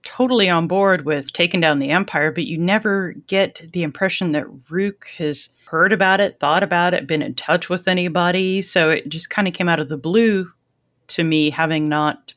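A woman with a slightly low voice recaps a book's plot in a relaxed podcast conversation. She talks casually and pokes fun at herself as she shares her reactions. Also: normal speed. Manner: chatty, self-deprecating. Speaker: podcast host.

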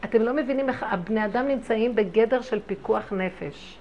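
A middle-aged woman giving a spiritual talk to an audience, telling her stories emphatically and dramatically, with big swings in loudness. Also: on the high side, highs cut off, background noise. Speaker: religious speaker.

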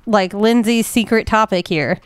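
Smooth-voiced chatty woman, dry sound. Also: medium pitch, measured pace, no room sound. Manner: chatty, curious, laughs easily. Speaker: podcast co-host. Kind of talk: casual chat.

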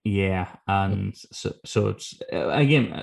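A man's voice: sits low, slow, gravelly. A man, chatting casually as a guest author, telling rambling, self-deprecating, sweary anecdotes. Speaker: guest author telling stories from his book.

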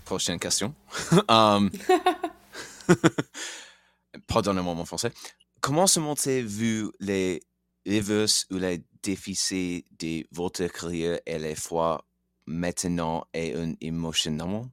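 A man, a podcast host conducting an interview in halting, French. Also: low-pitched, a bit bright, clear, resonant tone, dry recording, clean studio sound. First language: English. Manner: halting, non-native French with a foreign accent.

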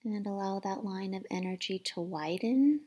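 A woman leading a guided meditation in a soft, soothing, unhurried manner, with long pauses between instructions. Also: mid-range voice. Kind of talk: guided meditation, instructing listeners to relax and breathe.

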